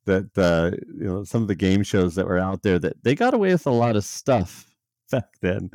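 A man's voice: low-pitched, lively intonation, normal speed, darkish tone. A man hosting a casual podcast chat who steers the talk into the next segment and acts out people's reactions in an easygoing way.

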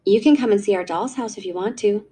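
A woman reading aloud, voicing a kind little girl who gently coaxes two shy children. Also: mid-range voice, fast, breathy edge, close to an everyday voice. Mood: coaxing. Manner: gentle, coaxing.

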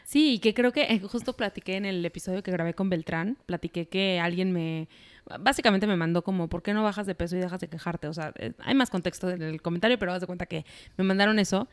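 Podcast host lady, smooth clear voice, chatty and supportive, shares her own stuff. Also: on the low side, fast talker. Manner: engaged, affirming interviewer who relates her own experiences. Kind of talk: casual podcast conversation.

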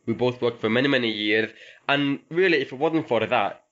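A man with a mid-pitched voice hosts an interview podcast. He talks in a casual, conversational way, as to a guest he knows. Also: brisk, fairly bright tone, lo-fi sound. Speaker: podcast host.

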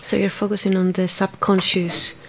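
A woman's voice: mid-range voice, little pitch movement, normal speed, sharp tone. Non-native woman radio host, hesitant. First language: not English. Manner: hesitant, formal, searching for words. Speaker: radio show host, interviewer. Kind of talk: radio interview questions. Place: radio studio.

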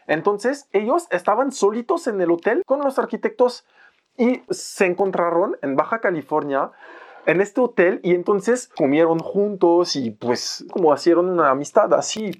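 A young man from France with a French accent, a photographer telling an animated story in a podcast conversation and mixing in Mexican slang. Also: sits high, normal speed. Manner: animated, playfully acts out other people's lines in raised voices, uses Mexican slang. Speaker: photographer guest.

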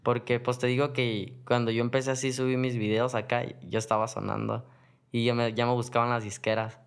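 Smooth-voiced Mexican man, slangy storyteller. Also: medium pitch, fairly quick. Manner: slangy, relaxed, rambling. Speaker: guest. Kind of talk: casual storytelling.

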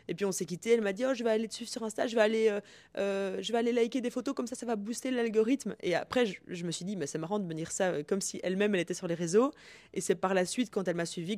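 A young woman, a guest telling stories in a lively way, acting out quotes and often restarting sentences. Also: medium pitch, no room sound. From Belgium. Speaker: guest, founder of a student dating group. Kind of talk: casual storytelling.

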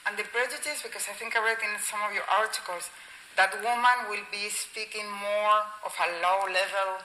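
A woman whose first language is Spanish interviews a guest, her voice very bright and at a middle pitch. She rambles and searches for words as she talks. Her voice carries a long hall reverb. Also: steady tone, moderate pace, slight background noise. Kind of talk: conversational interview.

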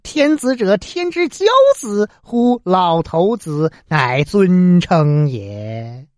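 A woman's voice: on the low side, sing-song, darkish tone, no echo, clean studio sound. A woman doing a sly, humble court scholar. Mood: pleading. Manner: slow, drawn-out, humble pleading with hesitations. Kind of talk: traditional storytelling.

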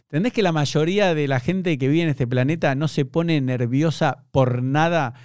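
A man's voice: a little high, normal speed, darkish tone, smooth, no room sound, studio quality. A man with an Argentine accent, interviewing a guest in a chatty, rambling, enthusiastic way. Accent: Argentine Spanish. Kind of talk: casual interview chat.

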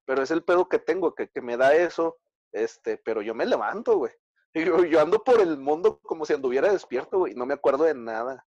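A man's voice: a little high, expressive, a little fast, darkish tone, dry recording, muffled recording. A man with a Mexican Spanish accent, telling a story in a casual, slangy chat full of fillers.

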